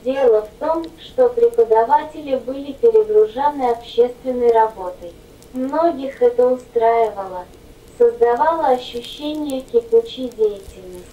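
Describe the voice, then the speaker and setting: A woman's voice: on the high side, moderate pace, lo-fi sound. Robot voice, female, echoey and distant. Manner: even, mechanical reading. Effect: robot text-to-speech voice. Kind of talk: reading autobiographical notes aloud.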